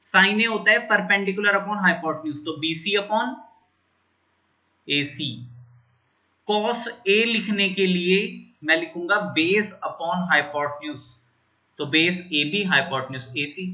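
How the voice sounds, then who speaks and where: Guy teaching maths at a whiteboard, high and really bright voice, kinda dull lo-fi sound. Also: takes it slowly. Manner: repeats steps and checks in with students.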